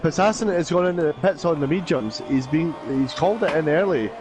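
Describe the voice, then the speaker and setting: A man's voice: on the high side, expressive, fairly quick, noisy background. A man giving conversational live motorsport commentary and analysis, often restating his calls as a racing commentator.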